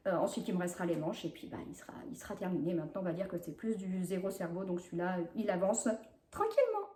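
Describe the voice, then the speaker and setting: A woman hosting a knitting vlog, chatting in a hesitant, filler-heavy way as she shows her projects, sometimes rushing and apologizing for talking fast. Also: on the low side, fairly even intonation, dark tone. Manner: chatty, hesitant with many fillers, laughs often. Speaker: knitting podcast host. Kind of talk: casual knitting vlog chat. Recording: echoey home room.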